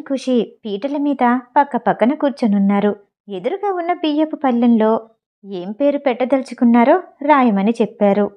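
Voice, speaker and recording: A woman's voice: a little high, dull audio. A woman narrating an audio novel, reading every character's lines herself. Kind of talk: storytelling narration with character dialogue.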